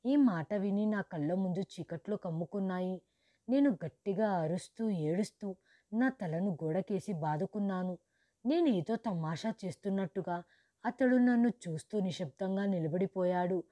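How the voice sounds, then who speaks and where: A woman narrating a storybook in the first person as a grieving, widowed mother who lost her wealth, in a steady, measured reading. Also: medium pitch, no echo, natural voice. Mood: sorrowful.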